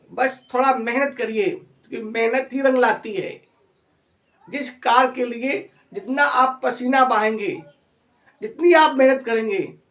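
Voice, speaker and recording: Slowly drawing out phrases as examples, a middle-aged English grammar teacher spurs his students on. He speaks with a very high pitch and a fairly bright tone.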